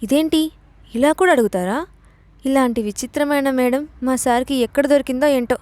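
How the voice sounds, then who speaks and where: A flustered young male bodyguard, hurried and apologetic, as a woman storyteller voices him. The voice is pitched a touch lower than her own, in a dry, close sound. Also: darkish tone, no echo, natural voice. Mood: bewildered.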